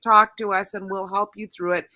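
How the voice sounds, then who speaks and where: A woman co-hosting a casual podcast chat, telling stories in an animated, chatty way. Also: mid-range voice, normal speed. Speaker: co-host.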